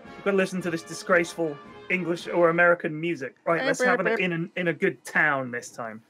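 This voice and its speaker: Man, gaming co-host, teasing, sweary, bright tone, headset mic. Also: fairly high pitch, brisk, faint music behind. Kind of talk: casual gaming banter.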